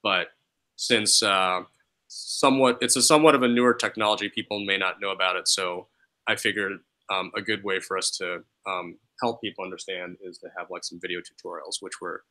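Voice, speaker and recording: A man's voice: deep voice, fairly even intonation, fairly quick, pushed and bright, poor audio. A man, a teacher who runs a student help desk, talking casually and loosely with many fillers. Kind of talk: casual discussion.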